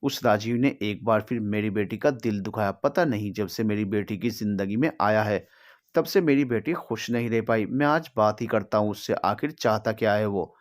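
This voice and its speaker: A man with a fairly low voice voicing an angry, indignant middle-aged father in a read-aloud story. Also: moderate pace, lightly acted.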